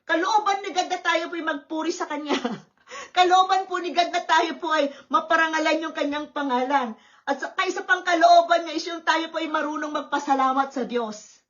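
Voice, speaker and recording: High bright-voiced woman pastor. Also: moderate pace, muffled recording. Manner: lively, questioning the congregation with tag words. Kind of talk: sermon. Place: church service.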